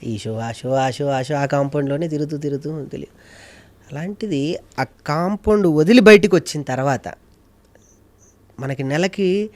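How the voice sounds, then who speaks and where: A man's voice: a little high, moderate pace, pauses often, darkish tone. A man, a mimicry artist and producer, talking emotionally and repeating himself for emphasis as an interview guest. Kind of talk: casual interview chat.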